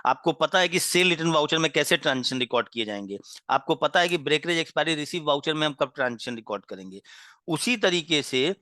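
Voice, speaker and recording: Brief: male software trainer, bright, higher-pitched voice, deliberate lecturing with frequent check-ins, dry close sound. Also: lively intonation, no echo. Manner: explains slowly, with frequent "ठीक है" check-ins and asides; pauses to clear his throat and apologize. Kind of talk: classroom-style lecture.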